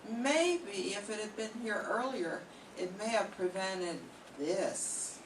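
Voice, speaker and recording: In a 1940s-style radio mystery, an older woman reads the part of a polite young visitor who proves to be a murderer, delivering eager, exclaiming lines with dramatic flair. Her medium-pitched voice moves at a slow pace, recorded in an echoey room on a distant mic with audible noise.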